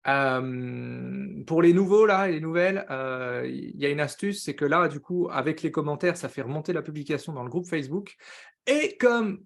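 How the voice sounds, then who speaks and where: An energetic man runs a live coaching stream in a fast, upbeat patter. His voice sits a bit high for a man, and he peppers his talk with quick English words. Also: creaky. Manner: says he talks very fast; upbeat, greets viewers by name, drops English words.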